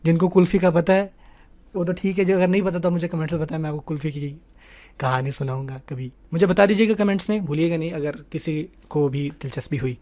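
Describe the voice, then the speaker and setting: Man teaching grammar with a higher voice. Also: darkish tone. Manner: explanatory, asks "ٹھیک ہے نا" often; mixes English words into the talk. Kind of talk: online grammar lesson.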